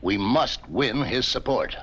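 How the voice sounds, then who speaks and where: An actor playing a dignified territorial governor who speaks in a formal, oratorical manner. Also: male voice, medium pitch, animated, slow, a bit bright, slightly rough, heavily acted. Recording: dull 1950s TV soundtrack.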